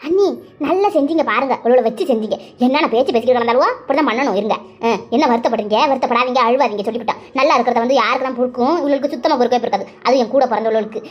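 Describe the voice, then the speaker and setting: A quarrelsome village woman from a cartoon, voiced by a woman, firing off taunts. Her voice sits high and the words tumble out fast. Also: muffled recording, close to an everyday voice. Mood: consoling. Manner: scolding, rapid-fire taunts. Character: sharp-tongued quarrelsome village woman, loud and cutting. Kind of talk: cartoon voice acting.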